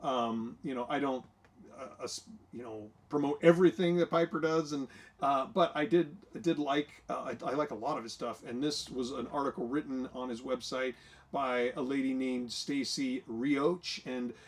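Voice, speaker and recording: A man's voice: mid-range voice, steady tone, moderate pace. A man co-hosting a church livestream, talking casually about faith and reading scripture, with many fillers and restarts. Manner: frequent fillers and restarts, folksy and earnest.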